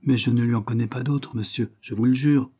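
A man's voice: mid-range voice, fairly even intonation, a little fast, warm tone, voice pushed up, natural voice. A man voicing a passionate young woman in an audiobook, given to pleading, sobbing outbursts. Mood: guarded.

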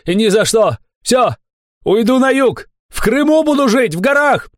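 A man voicing a plump middle-aged businessman, overjoyed and tearful, talking in a high, shouting voice. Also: big pitch swings, normal speed. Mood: shouting, elated.

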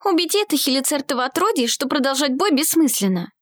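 A woman voicing a bold, sharp-tongued young female warrior in a storybook reading. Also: sits high, animated, quick pace, pitched above the performer's own voice. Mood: urgent.

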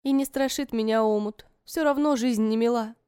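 Smooth-voiced woman narrating a story. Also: a little high, moderate pace, a little mellow, no echo, studio quality. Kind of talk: first-person story narration.

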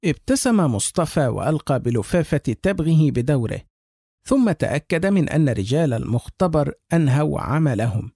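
A man's voice: fairly high pitch, sing-song, moderate pace, dark tone, husky, no room sound, studio quality. A man narrating a horror story with tense, suspenseful delivery.

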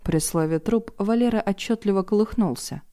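A woman narrating a story in an even, lightly ironic reading. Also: fairly low pitch, a little fast. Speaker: audiobook narrator. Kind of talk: scripted narration.

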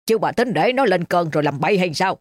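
A woman voicing a stern, skeptical middle-aged village husband, talking gruffly and dismissively. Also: fairly low pitch, expressive, fast, dry recording, clean studio sound, soft background music.

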